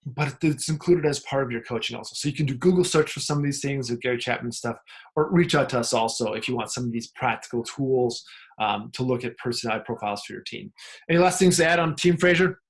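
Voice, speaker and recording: A man's voice: medium pitch, fast talker. Candid, laughing male coach. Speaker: coach and co-host. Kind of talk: casual conversation.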